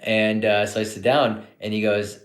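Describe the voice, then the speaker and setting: A man in his thirties, born in India and raised in Canada, chatting casually on a live stream as a psychiatrist answering viewer questions, relaxed and rambling with frequent restarts. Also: lowish voice, normal speed, echoey room. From born in India, grew up in Canada.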